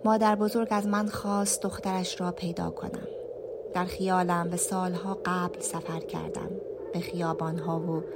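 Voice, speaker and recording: A woman storyteller narrating a first-person radio story in a hushed, measured way, sometimes dropping to a whisper. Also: low-pitched. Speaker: storyteller and writer.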